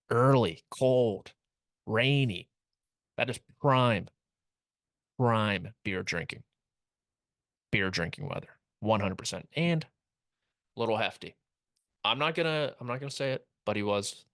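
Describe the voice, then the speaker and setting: A young man hosts a casual sports recap, his low, gravelly voice full of wry, rambling asides. He is recorded close on the mic in a small studio, and the sound is dry and dead. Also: fairly bright tone, no room sound. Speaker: host. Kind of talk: casual comedic commentary.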